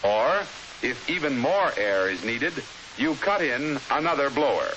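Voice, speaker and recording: An American man reading a scripted 1950s instructional film narration in a formal, measured, explanatory manner, on an old film soundtrack. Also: mid-range voice, highs cut off. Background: steady hiss.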